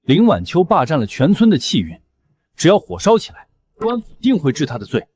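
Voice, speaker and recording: A man's voice: on the high side, sing-song, a little fast, a little mellow, breathy edge. An actor playing a bitter, scheming young scholar who failed his exams, with a resentful, sneering way of speaking.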